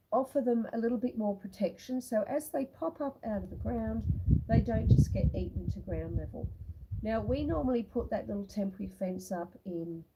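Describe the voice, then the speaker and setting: Slightly high in pitch, her voice is dark and breathy, and the audio is poor. She hosts a casual live stream outside on her homestead, calling viewers by name, recorded on a tripod-mounted phone. A long illness has left her with a cough and some snuffles.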